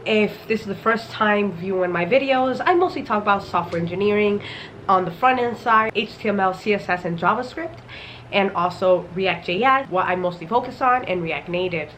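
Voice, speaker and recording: A woman's voice: medium pitch, normal speed, a bit bright, slight background noise. A woman with a slightly muffled, congested voice from a cold, giving casual step-by-step instructional talk to camera. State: recovering from a cold. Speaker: software engineering YouTuber.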